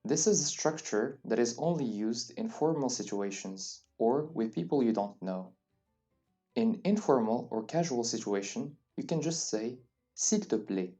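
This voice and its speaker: A man with a mid-range, mellow, expressive voice teaches a slow beginner French lesson at a slightly slow pace. He patiently says each phrase and then repeats it, recorded on a distant mic with faint background music.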